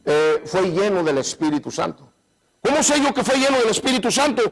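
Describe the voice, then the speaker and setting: High-voiced man preaching with call-and-response. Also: very animated, a little fast, poor audio. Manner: call-and-response, repeating "¿cuántos dicen amén?" and "hermanos"; swings between loud raised phrases and low quiet asides. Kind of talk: sermon. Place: church.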